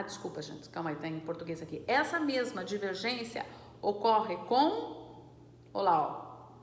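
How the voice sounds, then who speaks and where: A woman teaching a Spanish class, patiently going over exercises, reading words slowly and checking that students follow. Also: medium pitch, reverberant, long reverb tail, a little hiss or hum. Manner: explains patiently, checks understanding with "certo?" and "né, gente?"; reads Spanish words slowly and clearly, switching into Portuguese explanations.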